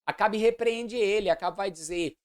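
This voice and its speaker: A woman, reading scripture aloud in a measured, deliberate way and adding commentary. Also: medium pitch, a little mellow. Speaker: Bible reader.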